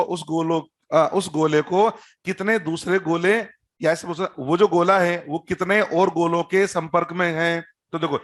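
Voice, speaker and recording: A man's voice: a little high, fairly bright tone. A man teaching a chemistry class, explaining step by step, repeating key terms, quizzing students and adding teasing jokes. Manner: teasing, joking asides. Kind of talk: classroom-style lecture at a board.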